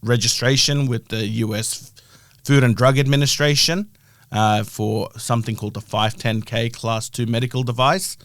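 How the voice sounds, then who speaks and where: A middle-aged man speaks with a broad Australian accent at an average pitch. He is an interview guest explaining his work in a conversational way. The sound is dry, with no room echo. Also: fairly even intonation, moderate pace, a bit bright. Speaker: interview guest, health-tech founder.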